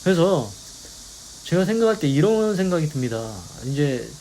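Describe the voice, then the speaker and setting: A man's voice: fairly high pitch, very animated, moderate pace, a little mellow, slight background noise, poor audio. A man leading a devotional Bible meditation, explaining verses and asking rhetorical questions. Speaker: preacher.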